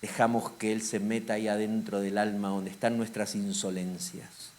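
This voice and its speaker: A man pastor preaching a sermon with a Rioplatense Spanish accent, swinging from loud emphatic lines to hushed, intimate ones. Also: on the low side, level tone, moderate pace.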